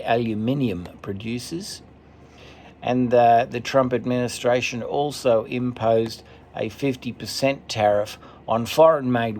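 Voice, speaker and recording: A man commentating as he reads a list off a screen, steady, with occasional stumbles and asides. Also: medium pitch, slight background noise. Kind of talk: reading from a screen, casual commentary.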